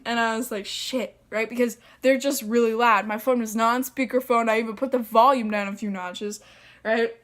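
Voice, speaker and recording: A woman's voice: a little high, steady tone, brisk, fairly bright tone. A young woman tells a story casually, in a chatty, profane way full of fillers. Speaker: vlogger.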